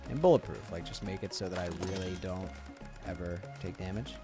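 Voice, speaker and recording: A young man giving casual gameplay commentary, thinking out loud and correcting himself as he goes. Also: low voice, expressive, a little fast. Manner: chatty, thinks aloud, self-correcting. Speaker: gaming YouTuber. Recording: music playing underneath.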